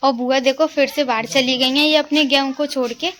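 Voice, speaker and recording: A woman's voice: sits high, steady tone, fairly quick, a bit bright. A young woman vlogging casually outdoors in her neighbourhood, chatting and teasing the kids around her as she films on a phone. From India. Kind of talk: casual family vlog chat.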